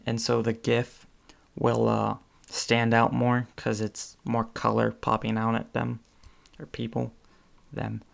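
A man's voice: medium pitch, completely flat delivery, takes it slowly, vocal fry. A young man hosting his own podcast, talking casually in a rambling way with lots of ums and restarts. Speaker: podcast host. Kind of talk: casual solo podcast monologue.

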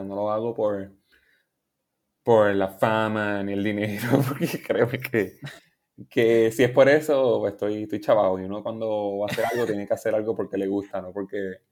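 A young man from Puerto Rico with a Puerto Rican Spanish accent, a musician chatting in an interview, relaxed and rambling with English words mixed in. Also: on the low side, normal speed. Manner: relaxed, rambling, restarts often, laughs easily, mixes in English words. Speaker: musician guest. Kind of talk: casual interview chat.

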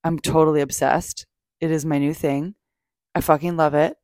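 A woman's voice: sits low, steady tone, normal speed, darkish tone, no room sound. A woman hosting a podcast, talking casually and off the cuff about self-help in a gushing, emphatic, sweary way. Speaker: podcast host. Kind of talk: casual spoken self-help talk, unscripted.

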